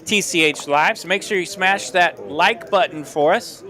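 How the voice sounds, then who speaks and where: Male play-by-play caller for a live poker stream, bright and punchy, upbeat and quick. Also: high-pitched. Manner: quick, upbeat hand-by-hand calls.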